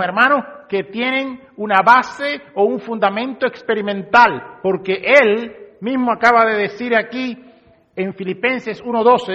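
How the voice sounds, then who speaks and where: A man's voice: sits high, sharp tone. A male pastor preaching a sermon in a church hall, talking to his congregation directly and conversationally. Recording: dull lo-fi recording with long hall reverb.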